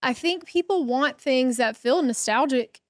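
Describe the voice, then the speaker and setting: A woman's voice: high voice, measured pace, no echo, studio quality. A woman with a Southern accent from Georgia, hosting a podcast interview in a chatty, anecdotal way. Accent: Georgia Southern American. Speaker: podcast host.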